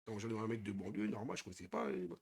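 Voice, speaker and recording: A young man from the Paris suburbs, co-hosting a live reaction stream in casual slang, often repeating words and trailing off quietly. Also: lowish voice, big pitch swings, fast talker, gravelly, breathy edge. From Paris suburbs, France.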